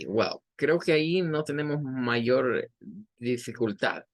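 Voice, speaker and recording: Patient man teaching pronunciation. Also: mid-range voice. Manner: slow, patient, spells out and repeats syllables. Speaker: English teacher. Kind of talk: bilingual vocabulary lesson.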